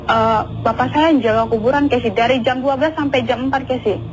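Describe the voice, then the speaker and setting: Over a phone line, a high-voiced woman from Medan, speaking with an Indonesian accent, shares a family story on a radio phone-in. Her intonation is fairly even and she talks a little fast, earnest and repetitive, frequently speaking to the host. Background noise and music sit beneath her voice.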